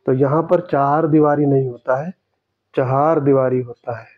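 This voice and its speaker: Man, exam tutor, steady explaining voice, repeats key words, slightly dull lo-fi sound. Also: medium pitch, measured pace. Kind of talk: explaining test answers.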